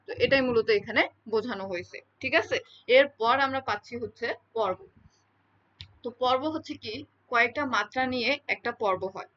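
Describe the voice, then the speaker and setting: A woman gives an explanatory lecture in a somewhat high voice. She repeats her key terms and keeps checking that her listeners follow. The recording sounds dull and lo-fi. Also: a bit bright. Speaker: teacher.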